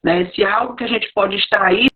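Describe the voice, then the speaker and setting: A woman's voice: mid-range voice, fairly even intonation, a little fast, breathy edge, phone-quality sound. A woman speaking reflectively over a video call whose audio stutters and cuts out, often ending phrases with tag questions. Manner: reflective, repeats words, frequent tag questions. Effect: call dropping out, speech stuttering and cutting. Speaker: mental health professional at a care center. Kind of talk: live video call interview.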